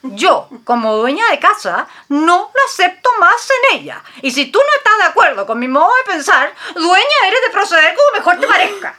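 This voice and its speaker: A woman's voice: extremely high pitch, sing-song, moderate pace, hardly any pauses, bright, forceful tone, exaggerated voice. An actress playing a haughty, domineering older mother-in-law in a radio drama, imperious and cutting. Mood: scornful. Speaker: mother-in-law and head of the house.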